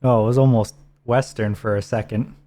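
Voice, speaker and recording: A man co-hosts a game stream in relaxed, instructive chat. His voice sits dark and mellow, patiently talking a teammate through menus. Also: fairly low pitch, moderate pace. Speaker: streamer co-host. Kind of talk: casual gameplay chat.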